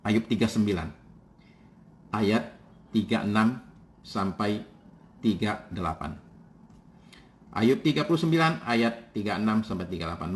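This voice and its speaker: A male pastor preaching a sermon in a casual, storytelling way, with frequent "ya" asides. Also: fairly low pitch.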